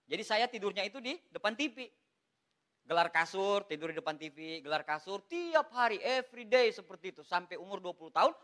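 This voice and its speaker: A man giving a lively, joking motivational talk, repeatedly addressing his audience as "Pak". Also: high voice. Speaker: MLM motivational speaker.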